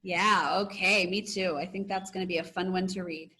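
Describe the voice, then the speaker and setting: This woman has a lowish voice with a steady, bright and forceful tone at normal speed, with a little hiss or hum in the background. She's a teacher reading aloud and guiding discussion with her pupils in an online video class, encouraging them over a video call.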